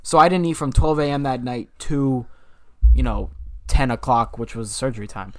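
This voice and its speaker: A man's voice: mid-range voice, normal speed, no echo, clean studio sound. A young man co-hosting a podcast, telling a rambling story in casual chat, full of fillers and restarts. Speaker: podcast co-host.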